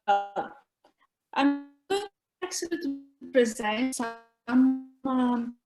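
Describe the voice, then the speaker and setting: A woman with a somewhat high voice comes through a video call whose connection keeps breaking up, so her words arrive choppy and cut apart. She talks haltingly, full of fillers and restarted phrases. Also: expressive, music in the background, poor audio. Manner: hesitant, many fillers and restarts. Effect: choppy audio breaking up over a bad call connection. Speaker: invited academic speaker. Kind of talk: academic presentation.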